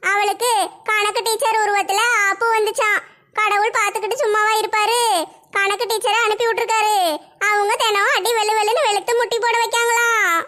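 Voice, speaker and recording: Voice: extremely high pitch, flat delivery, brisk, bright, forceful tone. A voice actor playing a mischievous elder sister in a comic cartoon who teases and mocks her younger sister. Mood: gloating. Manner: cackling, teasing, mocking.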